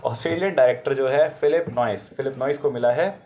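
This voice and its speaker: A man's voice: medium pitch, brisk, dark tone. An Indian man with a sore throat talks through the day's news for exam students. He is casual and chatty, slips English phrases into his Hindi, and stops to correct himself. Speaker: current affairs tutor.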